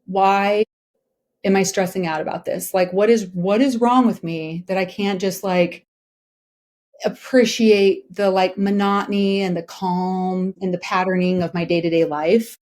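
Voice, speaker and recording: Speaking unhurriedly in a steady, darkish, medium-pitched voice, a woman in her forties guests on a podcast. The talk is a candid personal conversation, delivered emphatically, and she frequently makes sure listeners are on board.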